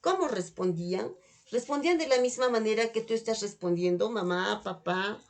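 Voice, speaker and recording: A woman's voice: medium pitch, moderate pace. A woman leading a live online holistic therapy workshop, guiding participants with repeated questions and prompts to write in the chat. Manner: coaxing, repetitive prompting with direct questions.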